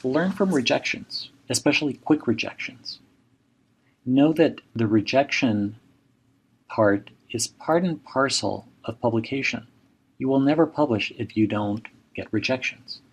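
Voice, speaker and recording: This low-quality recording of a seminar lecture features a gravelly middle-aged man from Mexico whose first language is Spanish. He's a journal editor and professor, with an expressive, medium-pitched voice, giving measured advice in direct imperatives.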